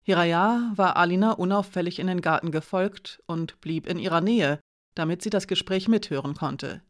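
An audiobook narrator reading a fantasy novel in steady scripted narration. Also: medium pitch, normal speed, no echo, studio quality. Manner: steady storytelling.

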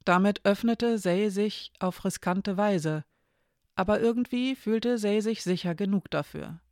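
A calm audiobook narrator reading a novel in an even, steady manner. The sound is dry and close, with no room around it, and the pitch sits in a middle range. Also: unhurried, dry recording.

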